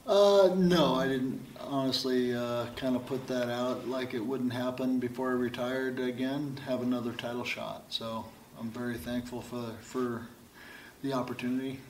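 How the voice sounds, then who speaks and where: A male fighter answering interview questions in a halting way, with many fillers and repeated words. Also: mid-range voice, fairly even intonation. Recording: echoey and distant with faint noise.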